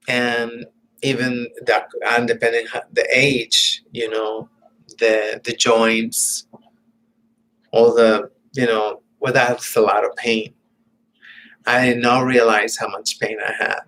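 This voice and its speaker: A man talks to his camera in a loose, meandering monologue at a very slow, unhurried pace. He stops and restarts often and trails off into quiet, whispered asides. His voice sits at an ordinary middle pitch. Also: rough recording. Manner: halting, meandering, many fillers and restarts; drops to muttered, whispered asides. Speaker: vlogger. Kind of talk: casual rambling monologue.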